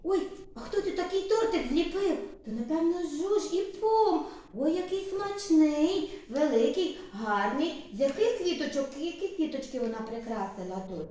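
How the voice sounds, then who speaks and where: Woman, high voice, sing-song and coaxing, puppet story for a small child, very echoey room. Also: very animated, normal speed, hardly any pauses, mellow, recorded from a distance. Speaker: kindergarten teacher. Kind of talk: tabletop puppet theater for a child.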